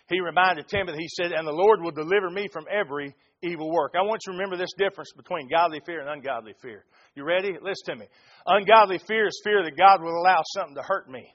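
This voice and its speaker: A male pastor with a Southern US accent delivers a sermon in a noticeably high-pitched voice. His manner is folksy and emphatic, pressing his points plainly. The recording is muffled and low in fidelity. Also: quick pace, fairly bright tone. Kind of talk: church sermon.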